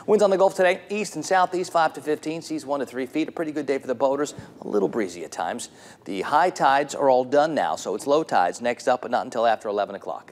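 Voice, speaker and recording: A man giving a morning TV weather forecast in a relaxed, conversational way. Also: medium pitch, quick pace.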